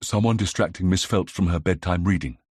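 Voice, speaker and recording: Man doing a spirited young 1920s lady, huffy, prim, husky undertone, dry sound. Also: low-pitched, brisk, darkish tone, dry recording. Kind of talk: audiobook character reading.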